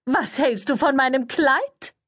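A woman voicing a shrill, effusive female publicity agent who gushes and draws out her words. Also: fairly bright tone. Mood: gushing. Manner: effusive, shrieking, drawn-out.

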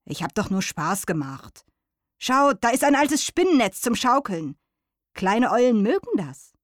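A woman's voice: on the high side, big pitch swings, a little slow, no echo, studio quality, voice pushed up. A woman voicing a strict, grumpy old male stag beetle in a children's storybook, speaking sternly. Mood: sheepish. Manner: stern scolding, then sheepish.

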